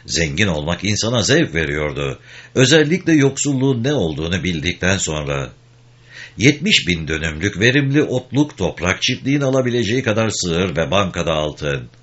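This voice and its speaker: A man reads an audiobook in a deep voice with a very lively, expressive delivery. The recording sounds dull and lo-fi. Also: normal speed. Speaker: audiobook narrator. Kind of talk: scripted narration.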